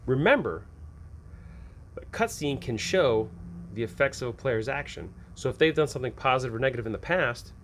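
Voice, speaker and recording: An American man with a medium-pitched, lively voice talks fairly quickly, rambling through casual, unscripted advice as the host of a game master show. There's clearly audible ambient noise behind him.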